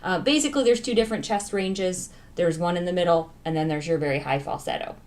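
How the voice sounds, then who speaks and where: A woman voice teacher leading a vocal warm-up lesson, explaining registers in a plain, instructive way. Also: lowish voice, fast talker. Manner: instructive, talks over piano accompaniment. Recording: piano playing behind the voice. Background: piano.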